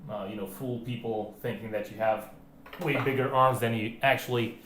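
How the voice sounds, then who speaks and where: A man's voice: medium pitch, steady tone, moderate pace, a bit bright. A man vlogging casually about his home arm workout, rambling with many fillers and restarts. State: out of breath. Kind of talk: casual filmed chat. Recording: roomy home recording, faint background hiss.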